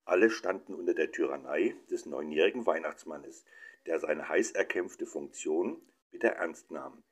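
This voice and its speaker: A man narrating a humorous short story in a dry, measured reading style. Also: a bass voice, expressive, breathy edge.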